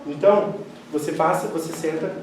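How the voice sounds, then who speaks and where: A man gives a spiritist lecture, telling animated personal stories and acting out the dialogue. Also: a little high, normal speed. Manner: animated storyteller who acts out quoted dialogue. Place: lecture hall of a spiritist center. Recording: very echoey hall, distant mic, faint noise.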